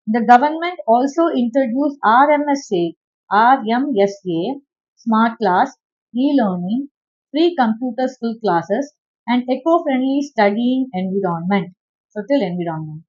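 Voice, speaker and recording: A woman teacher reading a textbook aloud and dictating answer points to her students, with quick asides between passages. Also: fairly high pitch, expressive, a little mellow. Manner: reads text aloud, then gives quick asides to students. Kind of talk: classroom lesson dictating notes. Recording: dull lo-fi recording.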